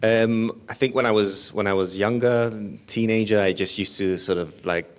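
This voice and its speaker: A man being interviewed as a musician chats casually and self-deprecatingly, telling anecdotes with a slightly whiny edge. His voice is on the low side, steady and clean, at normal speed.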